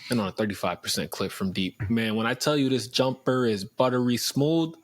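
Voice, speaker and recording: A man's voice: medium pitch, fairly quick. A young man co-hosting a casual basketball podcast, easygoing and slangy, laughing often. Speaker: podcast co-host. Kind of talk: casual sports chat.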